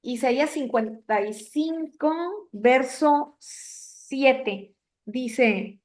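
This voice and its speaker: A woman's voice: high voice, drawn-out words, a little mellow. A middle-aged woman giving a women's devotional talk, speaking conversationally and asking her listeners questions. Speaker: devotional teacher for a women's group.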